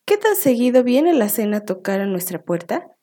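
A woman's voice: a little high, very animated, normal speed, mellow. A woman voicing a hungry, sly male fox who growls and gives orders in a storybook reading. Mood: gruff, greedy. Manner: growling, bossy.

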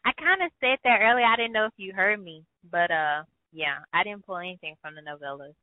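A woman's voice: mid-range voice, a little fast. Dry-spoken woman on a phone line. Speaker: podcast co-host. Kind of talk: casual book podcast chat. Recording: tinny phone-like dry audio.

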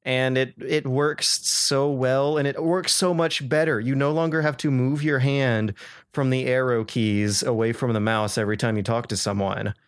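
A man's voice: mid-range voice, fairly even intonation, moderate pace, clean tone, no room sound, studio quality. A man co-hosting a gaming podcast in casual chat, rambling with restarts and laughs. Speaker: podcast co-host.

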